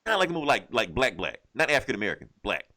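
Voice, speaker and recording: Another man co-hosting the comic book podcast talks very fast in a mid-range, sing-song voice that sounds bright and forceful. His profane, casual recap rambles along in slang, with lines acted out on the fly.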